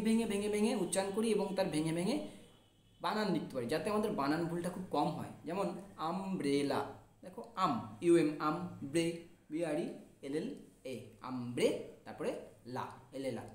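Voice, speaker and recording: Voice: medium pitch, darkish tone, echoey room. A teacher explaining English basics step by step and spelling words letter by letter. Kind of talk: spoken English lesson.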